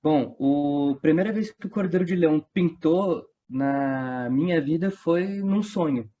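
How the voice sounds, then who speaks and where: An audio drama creator from São Paulo state, Brazil, appears as an interview guest, telling a story in a casual, slangy, conversational way. His voice sits on the high side and his pace is measured, captured in dull, lo-fi online interview audio.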